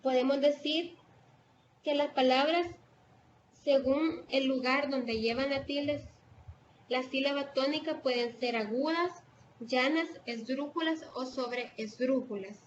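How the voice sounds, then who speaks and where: A woman's voice: high voice, takes it slowly. A woman with a Salvadoran accent teaching an online class, hesitating with fillers and restarts as she explains. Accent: Salvadoran Spanish. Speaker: online tutor. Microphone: video call. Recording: dull lo-fi video call audio with faint noise.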